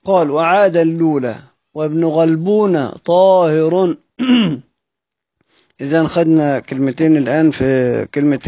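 A man with an Egyptian Arabic accent teaches Quran recitation rules from a classical text. He repeats phrases slowly, asks questions and answers them himself, and clears his throat often. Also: on the high side, darkish tone. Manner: repeats words slowly, drawn out for emphasis.

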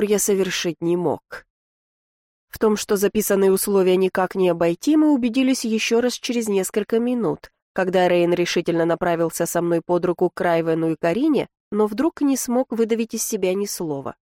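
A woman narrating a first-person fantasy audiobook in an expressive reading voice. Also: mid-range voice, normal speed, no room sound, studio quality.

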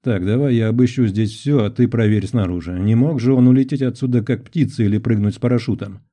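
A man voicing a cold, emotionless male agent who speaks flatly and with open contempt, in an audiobook. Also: medium pitch, fast talker, lightly acted. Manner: flat, contemptuous, commanding.

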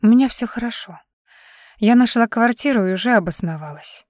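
Heartbroken young woman, soft and subdued, as the narrator reads her. Dry, close sound. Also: a little high, fairly quick, no echo, natural voice. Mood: sad.

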